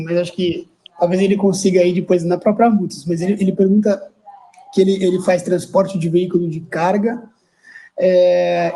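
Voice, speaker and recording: A man's voice: high voice, dark tone, low-quality recording. A man hosting a webinar who reads out audience questions and rambles, repeating words as he goes. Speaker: webinar host. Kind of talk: moderating a webinar.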